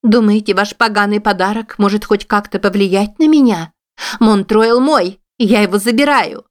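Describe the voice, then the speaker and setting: A woman doing a shrill, furious young lady. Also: normal speed, close to an everyday voice. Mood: frightened defiance. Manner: shrill, indignant, shouting. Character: haughty, hot-tempered young Southern lady. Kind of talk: audiobook reading.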